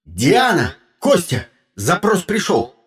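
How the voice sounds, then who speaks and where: A man's voice: sits high, normal speed. A reader voicing an urgent, commanding man on a ship's bridge in a storybook reading.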